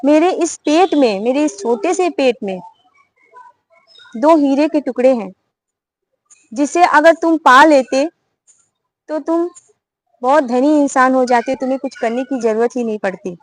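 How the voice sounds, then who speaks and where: A woman's voice: sits high, unhurried, pauses often, no room sound, rough recording. A woman voicing a clever old bird that mocks and lectures a hunter, in a preachy, scolding tone. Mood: mocking. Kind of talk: storytelling.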